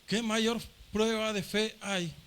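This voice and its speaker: High, bright-voiced man preaching. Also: level tone, slow, clean tone. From Chile. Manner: fervent, repeats phrases, acts out shouting crowd voices. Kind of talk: Pentecostal sermon.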